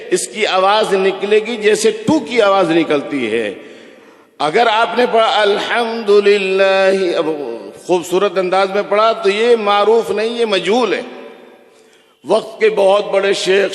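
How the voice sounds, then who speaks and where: A man preaching a sermon in a mosque, telling stories and slowly chanting recitation examples. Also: sits high. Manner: storytelling, slows to chant Quran recitation examples. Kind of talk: religious sermon. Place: large echoing mosque hall. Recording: echoey hall reverb.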